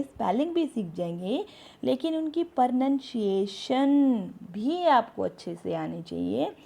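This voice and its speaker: Slow, gravelly-voiced woman teacher. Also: medium pitch, dark tone. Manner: slow, explanatory, reads English tips aloud. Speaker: English teacher. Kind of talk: spoken English lesson in Hindi.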